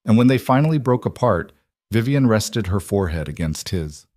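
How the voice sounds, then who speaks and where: Low-voiced man narrating a drama. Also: expressive, moderate pace, a little mellow, dry recording, clean studio sound.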